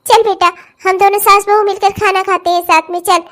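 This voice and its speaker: A fiery old cartoon mother-in-law, her voice pitched extremely high. She coos over the new bride and scolds her son in a loud, shrill rush. Animated comedy delivery. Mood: doting. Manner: scolding, shrill, fast when angry. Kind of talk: cartoon voice acting.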